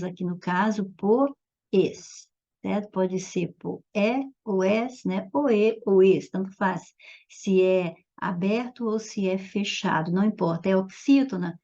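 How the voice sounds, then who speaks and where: A woman with a Brazilian Portuguese accent teaching a grammar lesson for exam preparation, slow and emphatic, stretching out key words. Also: medium pitch, mellow, lo-fi sound.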